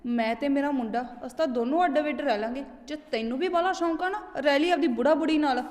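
An actress playing a resentful young pregnant wife who snaps and scolds defiantly. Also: female voice, high-pitched, fast talker, a little mellow, echoey room, in a large hall, natural voice. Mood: angry. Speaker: daughter-in-law.

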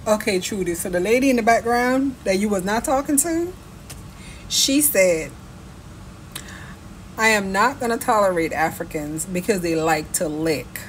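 A woman's voice: mid-range voice, measured pace, a little hiss or hum. A Jamaican woman giving chatty reaction commentary on a video, teasing and slipping into patois. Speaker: reaction vlogger.

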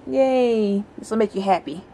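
A young woman speaks in cooing baby talk to a pet cat. She coaxes it with short, simple questions. The handheld recording is made indoors at home, with clear background noise. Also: mid-range voice, measured pace, mellow.

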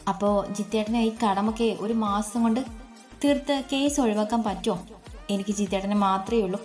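A woman's voice: medium pitch, fairly quick, a little mellow, faint music behind, natural voice. A woman voicing a worried young wife who speaks in a pleading, tearful way. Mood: anxious.

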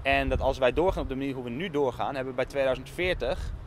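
Outdoors on a town street, a young man holds a furry handheld mic and presses passers-by with persistent, probing questions. His voice sits at an average pitch. Faint street noise hums behind him. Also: fast. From Netherlands. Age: young adult. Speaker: street interviewer. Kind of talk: street interview. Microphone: handheld mic with fur windscreen.

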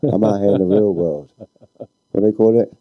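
A man's voice: on the low side, brisk, no room sound, phone-quality sound. A man speaking on a live panel in a laid-back, philosophical way. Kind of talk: panel discussion.

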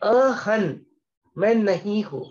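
Slow, patient man teaching scripture. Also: sits high, lively intonation, highs cut off. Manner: patient, repeats words, mixes English into Hindi. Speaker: spiritual teacher. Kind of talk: explanatory scripture lesson.

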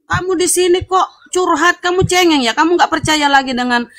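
A woman's voice: very high-pitched, fairly quick, a bit bright. A woman hosting an online interfaith debate, lecturing and scolding her opponent, repeating herself for emphasis. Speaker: host of an interfaith debate room.

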